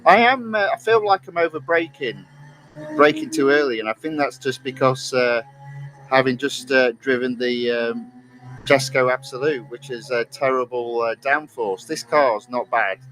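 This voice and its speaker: Relaxed man commentating a racing stream. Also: medium pitch, moderate pace, noisy background. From England. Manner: relaxed, chatty, many ums and uhs, reads chat aloud. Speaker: gaming streamer. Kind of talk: casual live-stream commentary while racing.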